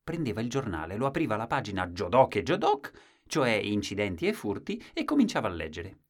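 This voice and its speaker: A man reading a short story aloud as narrator, expressive, with wide swings in loudness. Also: lowish voice, fairly quick.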